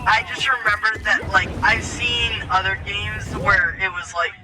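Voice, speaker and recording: A young man chatting casually while gaming, rambling and halting with many restarts. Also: sits high, fairly even intonation. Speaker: co-host. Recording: noisy background.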